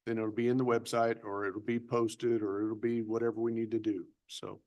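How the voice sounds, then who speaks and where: A man's voice: fairly low pitch, flat delivery, normal speed, darkish tone, highs cut off. A man chairing a city council meeting, explaining things informally and in a rambling way. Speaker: council presiding officer. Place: council chamber.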